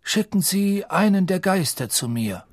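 Man doing a kindly old headmaster, gentle and measured, slightly husky. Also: high-pitched, big pitch swings, no echo, clean studio sound, voice pushed up, exaggerated voice. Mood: calm instructing. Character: old wise male headmaster, calm and kindly.

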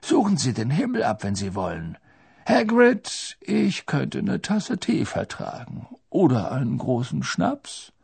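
A man voicing an elderly headmaster who talks calmly with dry amusement. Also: sits high, takes it slowly, creaky, few pauses, husky, dry recording, pitched above the performer's own voice, heavily acted. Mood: amused. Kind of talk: audiobook character voice.

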